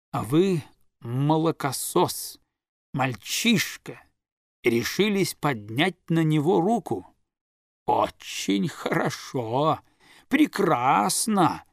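A man voicing a stern old countess grandmother who speaks slowly and with command, in a dry, close recording. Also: fairly high pitch, no room sound, voice pushed up, exaggerated voice. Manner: slow, commanding, reproachful.

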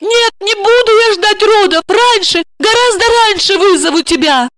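A woman's voice: moderate pace, a bit bright, no room sound. Woman voicing a pleading, tearful young woman. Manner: high, anxious, imploring. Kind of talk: audiobook dialogue reading.

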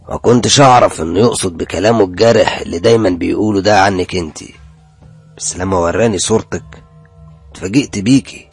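A man voicing a sly young man, his cousin's friend, who talks in a slow, smooth, teasing way with an Egyptian accent, in a horror story reading. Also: low voice, a little mellow, pitched below the performer's own voice, full character voice.

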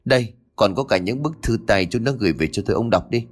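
A man voicing an older father who protests in agitated, questioning outbursts, his pitch jumping high. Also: expressive, quick pace, faint music behind. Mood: defensive. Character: grieving older father, bewildered and defensive.

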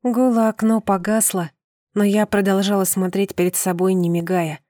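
Mellow-voiced woman reading an audiobook. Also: mid-range voice, no room sound, studio quality. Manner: calm, measured reading. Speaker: audiobook narrator. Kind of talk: scripted first-person narration.

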